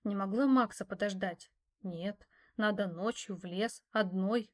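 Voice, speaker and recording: A woman reads a first-person novel aloud at a middle pitch. Her telling is expressive, with a wry edge. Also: a little slow. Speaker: audiobook narrator. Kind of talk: first-person story narration.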